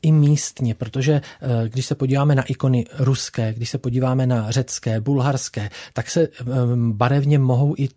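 Male guest, icon painter, mellow and halting, lots of filler sounds. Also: medium pitch, fairly even intonation. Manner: hesitant, many filler sounds, measured explanation. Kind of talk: radio interview, explaining.

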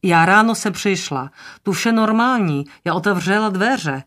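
A narrator voicing a short, round foreign cleaning woman who talks high and in broken grammar. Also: lively intonation, fairly bright tone, lightly acted. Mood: eager.

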